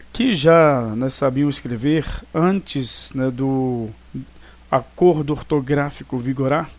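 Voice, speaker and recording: Speaking with a fairly high pitch, some vocal fry and a darkish tone, this Brazilian Portuguese-accented man gives a recorded grammar lesson. He explains as he goes and keeps checking on his students with tag questions.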